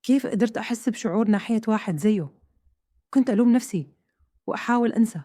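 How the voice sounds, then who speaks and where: Brief: Hejazi Saudi woman, fast dramatic first-person narration, mellow tone, dry close mic. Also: a little high, no room sound. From Saudi Arabia. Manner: tense, questioning, dramatic.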